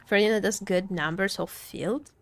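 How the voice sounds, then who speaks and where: Faint music runs under this woman's casual live gaming commentary as she talks with viewers, her delivery halting and jokey with frequent repetition. She's a livestreamer and gaming content creator with a mid-range voice.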